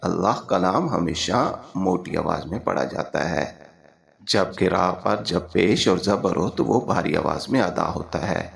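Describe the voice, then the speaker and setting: A man narrating a scripted lesson as a teacher, reciting letters slowly one by one. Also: sits low, lively intonation, gravelly. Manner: slow, measured letter-by-letter recitation. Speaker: Quran reading teacher.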